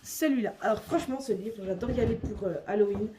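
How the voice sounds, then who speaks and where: A woman's voice: medium pitch, fast, background noise. A young woman vlogger chatting casually and a bit hesitantly as she shows her coloring books, with many fillers.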